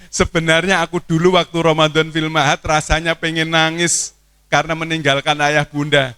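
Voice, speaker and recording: Man teacher, coaxing crowd of kids; bright, slightly high voice. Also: level tone, moderate pace, clean tone, no room sound. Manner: playful, coaxing, asks the crowd questions. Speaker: teacher addressing students. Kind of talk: lively speech to children at an opening event. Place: boarding school hall.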